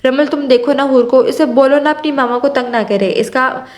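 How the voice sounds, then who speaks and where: A woman's voice: high voice, moderate pace, a little mellow, echoey room, natural voice. A woman voicing a distraught middle-aged mother, tearful and pleading.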